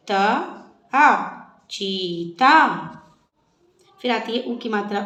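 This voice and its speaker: A young woman gives a patient, unhurried lesson. She sounds out each word syllable by syllable, then joins the sounds into the whole word. Her voice rings in an echoey room. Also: medium pitch. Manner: spells words out syllable by syllable, then blends them. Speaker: teacher. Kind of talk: slow classroom lesson.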